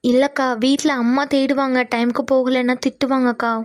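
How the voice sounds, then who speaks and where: Woman doing a polite, hesitant young girl, high and quick. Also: level tone, no room sound, clean studio sound, lightly acted.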